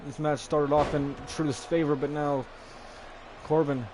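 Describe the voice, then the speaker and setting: Brief: slightly high-pitched man, casual gaming play-by-play, noisy desk mic setup. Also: a little slow. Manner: relaxed play-by-play wrestling commentary with fillers. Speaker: gaming video creator. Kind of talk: casual let's-play commentary.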